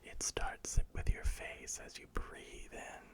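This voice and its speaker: A man whispers a slow guided meditation, softly repeating calm, reassuring phrases.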